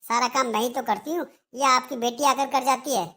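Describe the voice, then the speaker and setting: A woman's voice: sits high, steady tone, brisk, fairly bright tone. A woman voicing a young daughter-in-law in a Hindi cartoon, complaining and answering back sharply. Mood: indignant.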